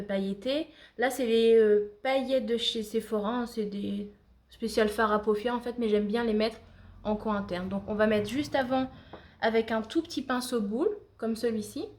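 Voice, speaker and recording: A woman's voice: a little high, darkish tone. A woman giving a casual makeup tutorial, chatting to viewers like friends with frequent hesitations. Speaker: beauty vlogger.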